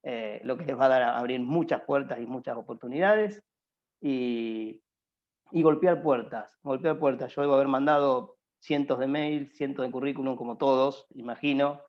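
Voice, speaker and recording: Speaking at a normal pace in a mid-range voice, a young Argentine man advises students on careers as a workshop panelist on a video call. His talk is loose and informal, with frequent fillers and restarts, and the audio has its highs cut off.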